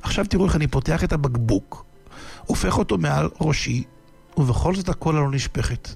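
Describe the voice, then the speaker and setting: A man voicing a clumsy, cheerful male stage magician who keeps getting flustered, with a gravelly voice. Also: on the high side, expressive, darkish tone, soft background music, exaggerated voice. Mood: upbeat. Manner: flustered, fussy exclamations.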